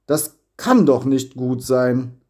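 A man voicing a kind, wise old bishop who speaks calmly and gently. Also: medium pitch, slow. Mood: gentle. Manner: calm, gentle speech.

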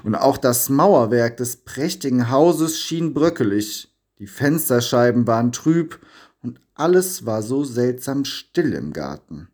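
A man reading a children's story aloud with expressive, lively storytelling. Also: medium pitch, a little slow, slightly rough. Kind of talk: scripted storybook narration.

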